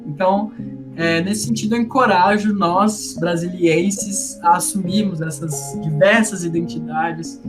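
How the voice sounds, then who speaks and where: A high-pitched man speaking with a Brasília accent, easygoing and chatty as a guest researcher. Music plays clearly underneath his voice on a remote recording. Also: a little slow. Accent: Brasília Portuguese. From Brasília, Brazil. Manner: relaxed and chatty, many fillers. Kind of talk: casual academic interview. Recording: music bed under speech.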